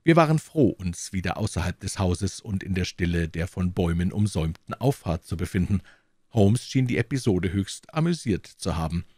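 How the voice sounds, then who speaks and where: A man with a German accent reading a classic detective story aloud as an audiobook narrator, with an expressive, dramatic delivery. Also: low voice, moderate pace, no echo, clean studio sound.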